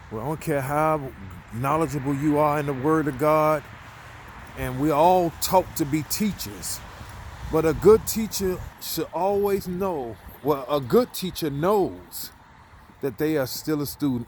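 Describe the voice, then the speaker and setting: A man's voice: medium pitch, slight background noise. A man talking casually while walking outdoors at night, telling a rambling, conversational story and repeating himself. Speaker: vlogger.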